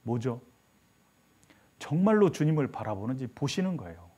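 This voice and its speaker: A male pastor preaching a sermon, telling a story with lively acted-out voices. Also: medium pitch, moderate pace, husky. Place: church sanctuary.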